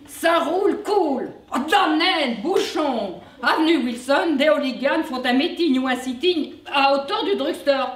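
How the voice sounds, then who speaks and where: Blunt high-voiced woman. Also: animated, unhurried, few pauses. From Vosges, France. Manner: blunt, folksy, mocking. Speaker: sketch performer. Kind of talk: comic stage monologue. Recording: echoey room from far off.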